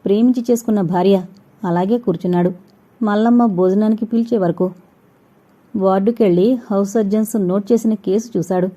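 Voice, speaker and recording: A woman narrating an audio novel in steady, even storytelling. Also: mid-range voice, brisk.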